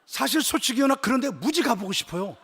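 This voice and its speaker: Impassioned husky-voiced male pastor preaching. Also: extremely high pitch, big pitch swings, fairly quick. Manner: emotional storytelling, swinging from loud exclamations to hushed whispers. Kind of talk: sermon at a church retreat. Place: church sanctuary. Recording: echoey church hall with long reverb.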